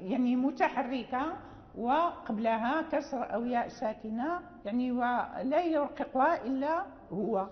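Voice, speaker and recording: A high-pitched woman gives an explanatory lesson on the rules of Quran recitation, moving slowly through each point one step at a time and often checking in with listeners with a quick "hm?". It was recorded in a hall that sounds dull and echoey.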